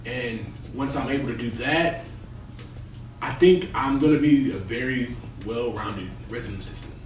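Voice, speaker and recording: A man's voice: medium pitch, moderate pace, lightly acted. A young man playing a resident assistant in a comedy skit interview, talking colloquially about himself. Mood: earnest. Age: young adult. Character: young male resident assistant, cocky and boastful or earnest. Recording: echoey room, distant mic, noisy.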